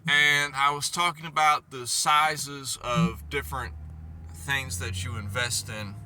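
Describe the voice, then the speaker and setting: A man vlogging in a casual, rambling, playful way, halting as he goes, with a whistling S. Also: mid-range voice, steady tone, sharp tone. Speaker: vlog host. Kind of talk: casual rambling solo talk. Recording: noisy, car noise behind voice.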